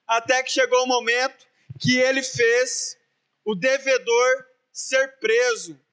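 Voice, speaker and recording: A man's voice: very high-pitched, fairly even intonation, takes it slowly, bright, forceful tone, clear, resonant tone. A man preaching a sermon, retelling a parable in a casual storytelling way.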